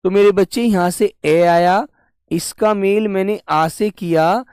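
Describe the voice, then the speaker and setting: A young man teaching a live online Hindi class, patient and deliberate, repeating each point and calling students his dear children. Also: high-pitched, darkish tone, clear, resonant tone, no echo, studio quality. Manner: slow and deliberate, breaks words into parts.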